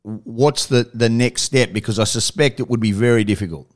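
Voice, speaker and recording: A man's voice: mid-range voice, normal speed. A man with a Queensland Australian accent interviewing casually, blokey in manner, with long rambling questions. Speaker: radio interviewer.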